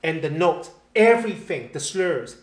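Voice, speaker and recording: A man's voice: a little high, lively intonation, a little slow. A man teaching a one-on-one piano lesson, patient, checking in with "okay?" and counting beats aloud. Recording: roomy echo with faint piano.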